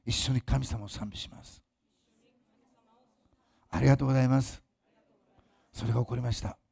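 A male pastor, preaching a fervent sermon that swells loud for emphasis and drops to soft asides for the congregation. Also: mid-range voice, fairly even intonation, normal speed, vocal fry, husky.

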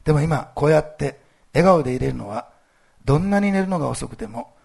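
Gravelly, lively male pastor. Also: fairly high pitch, brisk. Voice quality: gravelly, husky voice. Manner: lively, animated delivery with many fillers. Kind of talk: sermon with church announcements.

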